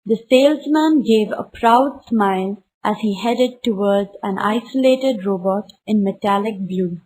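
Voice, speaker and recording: A woman, reading a textbook story aloud slowly and carefully for a class. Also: medium pitch, a little mellow, a little hiss or hum, poor audio. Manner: slow, careful read-aloud.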